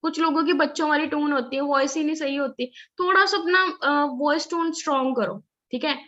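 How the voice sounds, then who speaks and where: Woman trainer, high bright voice, instructive and repetitive, dull lo-fi recording. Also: moderate pace. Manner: instructive, often checks "ठीक है?" and "clear है?". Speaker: network marketing trainer. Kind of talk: training session. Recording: slightly dull lo-fi audio.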